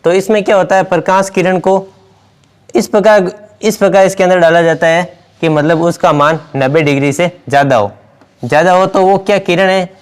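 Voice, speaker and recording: A man's voice: high voice, steady tone, moderate pace, clean tone. A man teaching a science lesson, explaining step by step and repeating key words as he writes on the board. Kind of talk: blackboard lesson.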